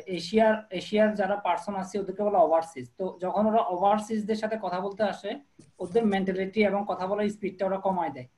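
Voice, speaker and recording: Male student, high voice, informal explanation over a call. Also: darkish tone, poor audio. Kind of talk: casual class discussion.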